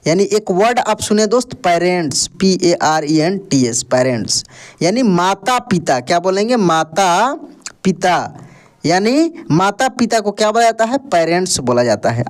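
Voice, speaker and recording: Male tutor, lively up-and-down pitch, explanatory, repeats his own questions and answers. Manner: explanatory, addresses viewers as friends. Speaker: online English tutor. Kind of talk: classroom-style lesson.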